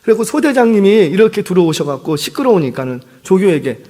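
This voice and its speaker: A man in his fifties with a husky, slightly breathy voice delivers an evening sermon in a church sanctuary. His pitch rises and falls widely as he tells stories, and the sound carries a long hall reverb. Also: a little fast. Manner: conversational, animated storytelling with self-deprecating apologies. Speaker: senior pastor.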